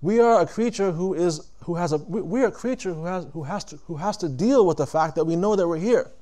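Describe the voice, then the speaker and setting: In a lecture room with an audience, a man with a warm, high-sitting voice gives a reflective Islamic lecture. He speaks conversationally and deliberately, posing questions to listeners and stopping to rephrase.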